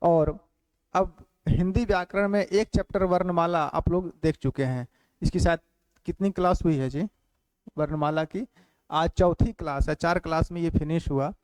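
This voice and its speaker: A man teaching a grammar class who repeats phrases slowly for note-taking and keeps asking quick check questions. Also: fairly high pitch, steady tone, darkish tone, clean tone, dry recording. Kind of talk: classroom lecture.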